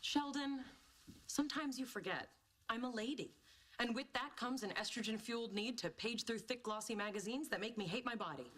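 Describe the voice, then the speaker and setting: A woman's voice: fairly high pitch, brisk, fairly bright tone, lightly acted. An actress playing a sassy, teasing young woman neighbor. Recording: noisy sitcom audio played back.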